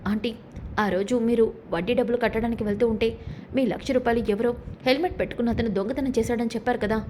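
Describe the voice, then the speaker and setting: A woman's voice: fairly high pitch, steady tone, very fast, darkish tone, a little hiss or hum, natural voice. A woman narrator speaking the lines of a scheming young daughter-in-law who tattles insistently.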